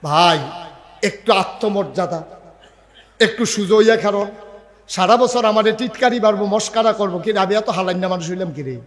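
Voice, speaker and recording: High-voiced Bangladeshi preacher shouting in a hall. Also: male voice. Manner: rustic dialect, swings between loud shouts and slow drawn-out stresses. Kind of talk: humorous sermon. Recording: reverberant hall.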